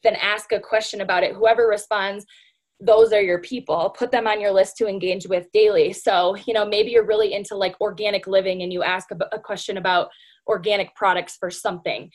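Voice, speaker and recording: A woman's voice: medium pitch, steady tone, brisk. A woman giving a casual motivational talk to her sales team, chatty and full of "like" and "you know", often calling her listeners "you guys". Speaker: speaker training a sales team.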